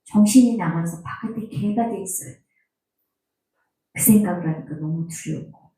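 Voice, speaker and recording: Middle-aged woman telling her testimony at church, lively, acts out scenes, warm lowish voice, really echoey hall. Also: moderate pace. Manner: animated storytelling, acting out quarrels. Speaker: church member giving testimony. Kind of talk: personal testimony.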